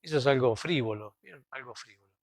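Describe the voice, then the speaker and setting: A man's voice: mid-range voice, fast. Argentine man preaching a reflective homily. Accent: Argentine Spanish. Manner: conversational, reflective, frequent checking tags like "¿no?" and "¿vieron?". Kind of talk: sermon. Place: cathedral.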